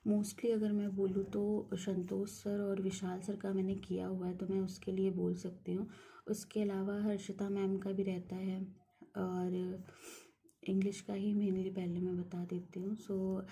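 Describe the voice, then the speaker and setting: Flat, gravelly-voiced young woman. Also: mid-range voice, slight background noise. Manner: mixes English words into Hindi, frequent hesitation fillers. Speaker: banking exam aspirant sharing study resources. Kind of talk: casual screen-share walkthrough.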